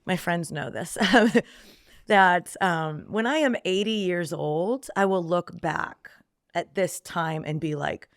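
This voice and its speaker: A woman's voice: fairly low pitch, slow pace, no room sound, studio quality. A woman guest on a podcast giving a reflective faith testimony, with frequent ums, acting out her own past thoughts in quoted lines.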